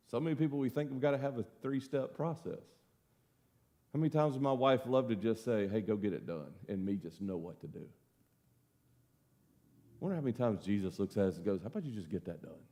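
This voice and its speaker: A man's voice: fairly low pitch, warm tone. A middle-aged man teaching a casual Bible study as pastor, a folksy, self-deprecating storyteller.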